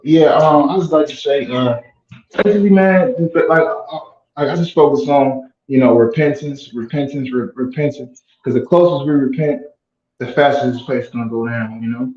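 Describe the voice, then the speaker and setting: A man's voice: medium pitch, a little mellow. Man echoing as if in a tunnel. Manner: halting, full of fillers and repeated words. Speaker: caller. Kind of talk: casual call-in chat. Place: laundry room. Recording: echoey, dull lo-fi call from far off.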